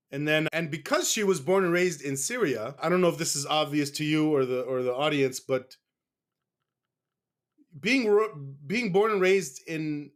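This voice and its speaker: A man's voice: a little high, normal speed. A man from the United States speaking in a casual interview as a guest, candid and rambling, often stopping to correct himself.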